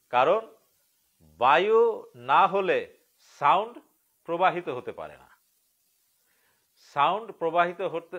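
A man from Bangladesh leads a live-streamed spiritual lecture on meditation, speaking slowly and deliberately, stretching out key words and asking his listeners questions. His voice is a little high and a bit bright, and the sound is lo-fi.

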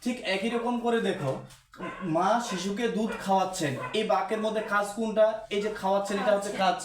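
A man's voice: high-pitched, fairly even intonation, fast. A man teaching a grammar lesson to a class, asking questions and repeating the key terms. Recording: echoey room.

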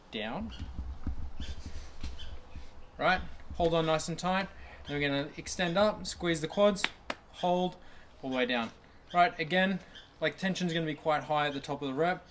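Doing reps in a garden, a young personal trainer from Australia demonstrates home exercises and talks to a camera positioned far off. His voice is on the high side, with a bit of background noise, and his coaching tone is relaxed.

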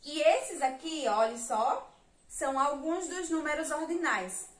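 A woman's voice: high-pitched, animated, a little slow, slight background noise. A woman with a Sergipe Brazilian accent teaching a remote lesson to young children, patiently counting and spelling words aloud. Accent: Sergipe Brazilian Portuguese. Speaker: primary school teacher. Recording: echoey room, voice a bit far from the mic.

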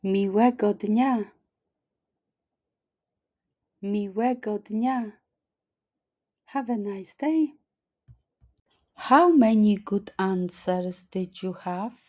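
A middle-aged woman teaching language, repeating each phrase slowly and clearly, at home on a webcam. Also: medium pitch, dark tone. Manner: slow, careful, clearly articulated repetition. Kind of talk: extra slow language lesson, repeating phrases.

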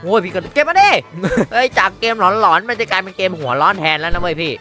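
A man streaming a horror hunting game, reacting with excitable, jokey exclamations and running commentary. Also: sits high, fast talker, faint music behind. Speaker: gaming streamer.

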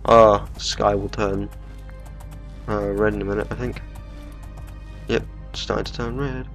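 With a steady, unhurried delivery, a congested young man offers laid-back commentary on a game he's playing, cursing occasionally. His lowish voice is gravelly yet slightly bright, picked up by a desktop mic over the game's music.

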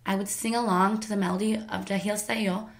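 A woman's voice: medium pitch, steady tone. Young woman reading a family story. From United States. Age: 20s. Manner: measured, careful reading. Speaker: narrator of her own family story. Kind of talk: scripted personal narration.

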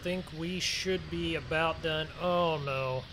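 A man with a somewhat high-pitched voice hosts a farming game video as a casual roleplay, with game vehicle engine noise clearly audible behind him. He speaks slowly in a chatty, folksy way, as though walking viewers through the work.

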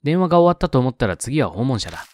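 A man's voice: mid-range voice, big pitch swings, racing, a little mellow, no echo. A man narrating a horror game's story aloud with chatty asides. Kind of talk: reading aloud with casual asides.

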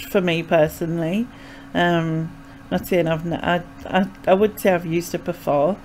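A young woman from North East England, speaking with a Sunderland Mackem accent, chats casually and hesitantly as a vlogger, explaining things in a rambling way. Her voice is fairly low and darkish. She records in a small bedroom, close to a desk microphone fitted with a pop filter.

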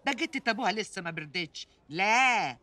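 An actress with an Egyptian Arabic accent playing a dramatic, sharp-tongued older aunt who scolds her nieces. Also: medium pitch, animated, fairly quick, slight background noise. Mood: scolding.

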